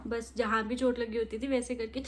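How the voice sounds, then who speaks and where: A woman's voice: on the high side, little pitch movement, a little fast, a little hiss or hum. A young woman chatting casually while doing her makeup, laughing as she tells childhood stories. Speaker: makeup vlogger.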